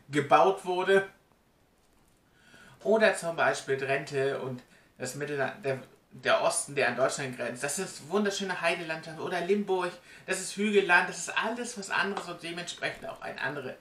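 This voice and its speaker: Here the same kind of German home vlogger sounds sharp-toned, his pitch on the high side. He addresses the camera directly and emphatically in a chatty explanatory style, captured by a webcam that gives a roomy, faraway sound in a small room at home.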